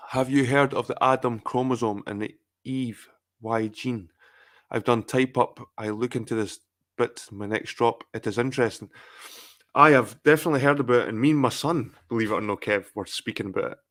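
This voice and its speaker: This middle-aged man from England hosts a live chat stream, cursing and rambling repetitively in a casual rant. He speaks briskly, his voice medium in pitch with a fairly bright tone.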